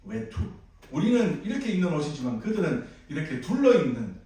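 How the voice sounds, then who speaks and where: A man's voice: fairly high pitch, a little fast. A male pastor with a Gyeongsang accent preaching a sermon, putting questions to the congregation. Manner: animated, asks the congregation questions. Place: church sanctuary. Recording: echoey sanctuary from far off.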